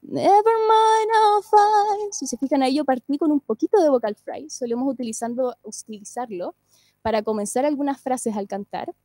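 A woman, a singing teacher and speech therapist, giving an online lecture in a clear, explanatory way and often checking that listeners follow. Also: sits high, a little fast, mellow, no echo.

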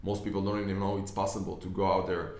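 Speaking informally to camera from a desk indoors, a young Israeli investor with an Israeli accent and Hebrew as his first language explains his ideas earnestly, restarting often. His low, darkish voice moves quickly with little pitch variation, and the room has an echo.

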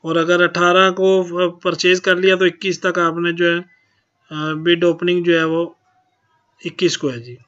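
A channel host from Pakistan unhurriedly reads auction notices with a flat delivery, repeatedly ending sentences with a polite "ji." His voice is high and fairly bright in tone. The recording has its high frequencies cut off.

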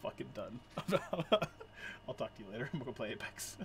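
A man's voice: medium pitch, lively intonation, a little fast, slight background noise. A young man streaming a game, raging, swearing and laughing at himself. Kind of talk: casual gaming stream chat.

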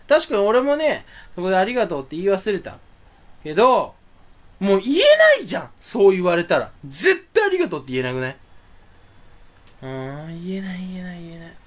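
Alone on stream, a young man with a high voice rants and rambles, grumbling complaints that erupt loudly. Even when he's not angry, he sounds like he is.

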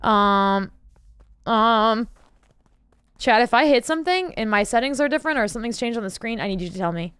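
A woman's voice: a little high, expressive, normal speed, a bit bright, smooth, no echo, studio quality. A woman streamer in casual gaming chat, talking freely to her friends and her chat and swearing often.

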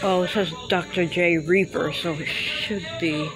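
Holding her phone camera, a woman narrates a casual walk from the parking lot into a Halloween shop, her talk wandering and full of fillers and hesitations. She speaks low, steady and a little slowly, over loud store music on a rough recording.

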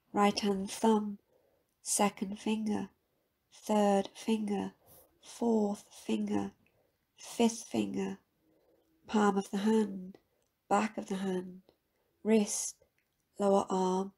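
Speaking softly in a husky, breathy mid-range voice, a woman narrates a scripted guided meditation in a calm, measured way meant to soothe.

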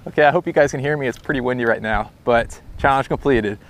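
Chatting to camera outdoors by a windy pond, a young adult American fishing vlogger keeps things easygoing and informal. He has a medium pitch and a quick pace.

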